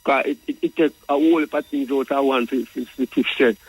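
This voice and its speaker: A Jamaican man with a medium-pitched voice talks in Rasta speech. He reasons earnestly as a caller, repeating phrases as he builds a point. The sound is dry, with no room on it. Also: steady tone, a little fast, husky, no room sound, low-quality recording. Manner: repeats and circles back over phrases. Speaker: radio call-in guest.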